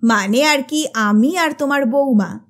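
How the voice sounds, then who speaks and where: A woman's voice: sits high, animated, unhurried, fairly bright tone, full character voice. A woman voicing a grown son who talks hurriedly and awkwardly, saying more than he needs to.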